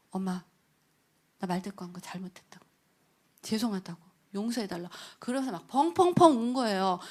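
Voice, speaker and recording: Middle-aged woman giving a lively testimony. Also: on the high side. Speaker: deaconess giving a testimony at a prayer meeting. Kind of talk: emotional testimony sermon.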